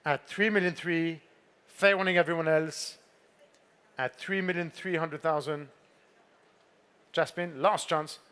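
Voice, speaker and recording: Male fine art auctioneer, high register, formal and composed, repeating bids and courteously nudging bidders during a live sale. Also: steady tone, unhurried, long pauses, fairly bright tone, clean tone. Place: auction saleroom with bidders present.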